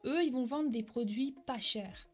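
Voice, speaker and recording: A fairly high-voiced young woman coaching straight to the viewer with lively energy, often checking in with a quick "ok?". She stumbles and corrects herself now and then without losing momentum. Soft music sits faintly underneath. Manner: some hesitations and self-corrections. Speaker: online selling coach. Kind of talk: direct-to-camera tutorial.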